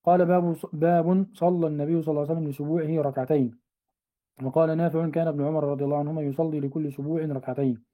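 A man reading a classical commentary aloud to his teacher in a fast, even recitation, now and then correcting himself. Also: fairly high pitch. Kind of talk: traditional classical text recitation.

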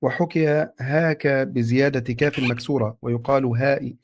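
A man reading a classical commentary aloud to his teacher in a steady, respectful recitation. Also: mid-range voice, moderate pace, slight background noise.

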